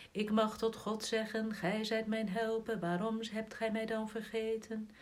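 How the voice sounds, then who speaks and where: A woman reading psalms aloud in a measured, solemn liturgical recitation. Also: a little high, a little mellow. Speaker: psalm reader.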